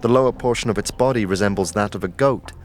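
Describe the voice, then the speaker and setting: Reading scripted dramatic narration for an audio story, this man speaks quickly in a lowish voice. He serves as both narrator and game master, with clear music playing behind him.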